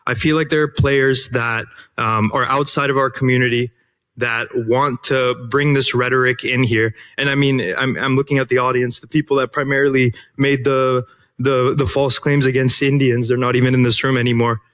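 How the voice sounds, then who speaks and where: An earnest man gives a public comment at a city council podium, his voice at an ordinary middle pitch. He speaks haltingly, restarting sentences and filling pauses with ums. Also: level tone, fairly bright tone.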